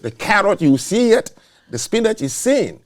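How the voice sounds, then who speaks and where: This man's voice is high-pitched and very animated, moving at a moderate pace. He hosts an opinionated talk show, pressing his points emphatically like a lecture, and is a naturalized US citizen who wasn't born there.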